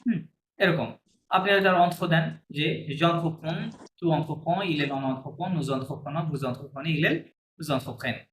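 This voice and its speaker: A man's voice: fairly high pitch, fairly even intonation, slow pace, fairly bright tone. A man teaching a language class, patiently repeating words for his students to copy. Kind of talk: classroom lesson. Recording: echoey room, faint hiss.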